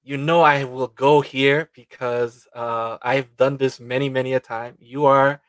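A man hosting an interview, responding warmly and stammering through his questions with many fillers. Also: medium pitch, steady tone, measured pace, no room sound. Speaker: interview host. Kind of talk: conversational interview.

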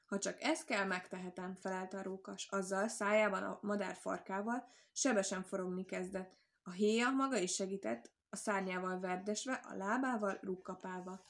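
A woman reading a children's story aloud in an expressive, lively way. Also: medium pitch.

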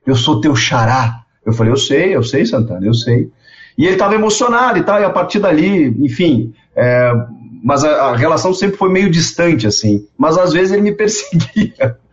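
A man, telling stories in a casual interview, animated and repeating words as he goes. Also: on the high side, moderate pace. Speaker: guest. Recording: dull lo-fi sound.

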